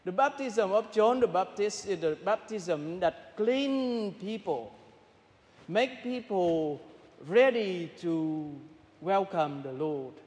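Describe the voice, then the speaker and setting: A priest with a high-pitched voice reads the Gospel slowly and deliberately. His words hang in a long cathedral echo, as if spoken in a large church. When he preaches, he pauses and hesitates often. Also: a little mellow. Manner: measured, pausing delivery with frequent hesitations. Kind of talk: gospel reading and homily at Mass. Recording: long reverberant church hall.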